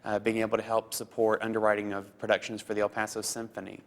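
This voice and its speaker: Answering an interviewer's questions with earnest effort, this foundation program officer, a man in his thirties raised in Costa Rica, stumbles through fillers and repetitions. He speaks at a fairly low pitch, monotone, with vocal fry.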